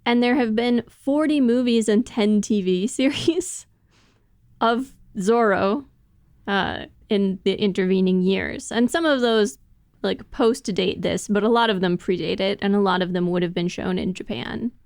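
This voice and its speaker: A woman's voice: medium pitch, a little slow, a little mellow, no echo, clean studio sound. A woman co-hosting a casual podcast discussion, explaining things in detail and laughing often as she talks. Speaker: podcast co-host.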